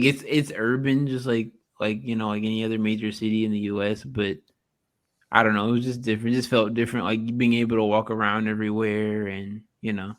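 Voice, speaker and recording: A young man from Texas chatting casually on a podcast, hesitant and leaning heavily on filler words. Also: fairly low pitch. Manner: hesitant, filler-heavy, lots of "like".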